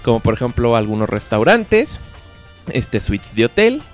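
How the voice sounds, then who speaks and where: A man's voice: mid-range voice, moderate pace, soft background music. A man with a Mexican accent hosting a podcast, recapping a series in a casual, slangy way and acting out the characters' lines. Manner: animated, acts out quotes with lots of slang. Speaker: podcast host. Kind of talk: casual slangy review chat.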